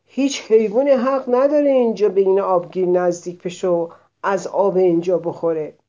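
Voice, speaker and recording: Bullying bull elephant, read by a woman, loud and commanding, storybook tale. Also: medium pitch, steady tone, highs cut off, natural voice. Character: big bossy male elephant, domineering.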